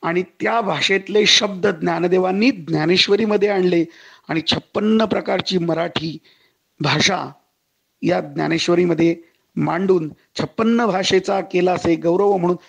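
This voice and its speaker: Gravelly high-voiced male orator. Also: dull audio. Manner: oratorical, addresses audience as friends, recites verses. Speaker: lecturer. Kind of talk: public lecture.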